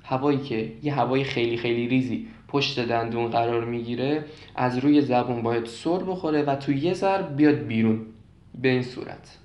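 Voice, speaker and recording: A young man calmly explaining beatbox technique step by step, repeating points and demonstrating as he goes. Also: medium pitch, reverberant, muffled recording. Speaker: beatbox teacher.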